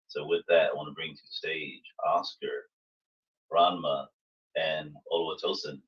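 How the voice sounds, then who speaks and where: A man with a very low voice moderates a livestream panel in an effusively polite manner. He sounds muffled and set back from the microphone. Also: level tone, a little slow, recorded from a distance. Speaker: host, moderator. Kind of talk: event hosting on a livestream.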